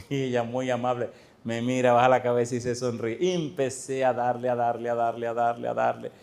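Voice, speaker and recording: A man's voice: medium pitch, fairly quick, vocal fry. A middle-aged man, a pastor, preaching a sermon in a church and telling stories with questions to the congregation. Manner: lively storytelling, addressing the congregation with questions.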